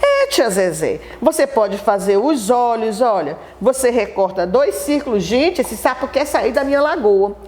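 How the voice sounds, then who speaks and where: A woman teacher with a Brazilian Portuguese accent and a voice on the high side gives a children's TV lesson, speaking animatedly and sing-song, straight to the children. She talks at normal speed with few pauses, over a little hiss or hum.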